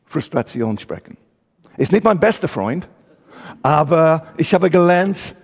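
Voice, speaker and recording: Speaking in a slightly high, creaky voice with a darkish tone, a man from England serves as guest preacher in a church hall. He gives his sermon in German with an English accent, hunting for words and mixing in English.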